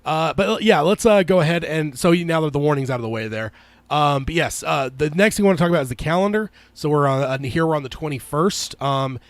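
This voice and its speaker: A man co-hosting a podcast in casual chat, halting and stop-start, his voice slightly weak and strained after being sick. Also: on the high side, dry recording. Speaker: podcast co-host.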